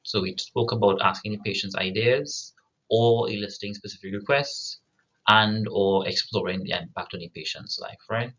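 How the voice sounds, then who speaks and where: A man's voice: on the low side, moderate pace, sharp tone, muffled recording. A man giving a recorded lecture to students, often checking in with "right?" and restarting his sentences. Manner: frequent "right?" tag questions, restarts.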